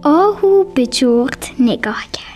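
A woman narrating a children's bedtime story gently and softly, sometimes slipping into a whisper. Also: high-pitched, lively intonation. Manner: gentle, soft, often drops to a whisper. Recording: faint music behind.

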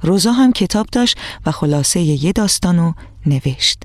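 A woman's voice: lowish voice, animated, no echo, studio quality. Woman narrating a children's story. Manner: warm direct address to children. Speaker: radio storyteller.

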